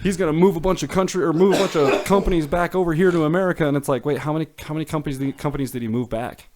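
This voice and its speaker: A man's voice: a little high, fairly even intonation, racing, a crowd in the background. A man hosting a casual podcast chat with friends, rambling, swearing freely and restarting his sentences. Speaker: podcast host. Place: room with friends.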